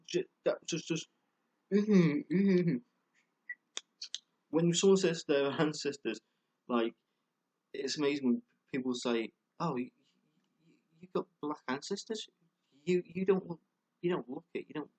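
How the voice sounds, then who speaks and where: Fairly high-pitched and a bit rough, this vlogger's voice comes through a low-quality recording. He curses heavily and grows angry while ranting to camera, his monologue scattered with stumbles, fillers and repeats.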